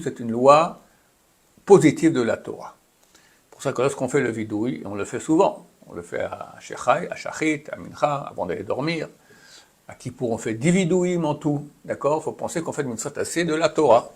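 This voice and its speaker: This man, a rabbi teaching a class, speaks at a medium pitch with a breathy edge. He gives a Torah lesson in a chatty, conversational way, reading Hebrew phrases aloud, then translating and explaining them with casual asides.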